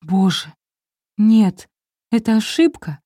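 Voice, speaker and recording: A woman's voice: mid-range voice, sing-song, slow, dark tone, dry recording, studio quality, voice pushed up. A woman reading an audiobook, voicing an anxious, tearful young wife in an emotional, pleading tone. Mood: distraught.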